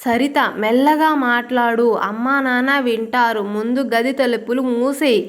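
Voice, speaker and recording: Heartbroken young college girl, hushed and teary, high voice read by a woman. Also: steady tone, normal speed, close to an everyday voice. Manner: hushed and tearful.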